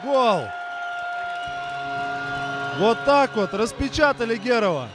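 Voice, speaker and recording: A man doing excited, partisan hockey play-by-play with shouted goal calls, cheering on the home team. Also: high voice, moderate pace. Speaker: ice hockey commentator. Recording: noisy rink recording with crowd. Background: crowd and rink noise.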